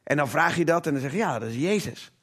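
A man preaching a sermon to a live congregation. He talks emphatically, slows down to stress key words, and puts rhetorical questions to his listeners. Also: on the high side, expressive, fairly bright tone, husky. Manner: engaging, asks the audience rhetorical questions.

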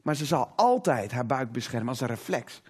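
A man preaching a sermon to a live congregation. He talks emphatically, slows down to stress key words, and puts rhetorical questions to his listeners. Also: mid-range voice, big pitch swings, breathy edge. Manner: engaging, asks the audience rhetorical questions.

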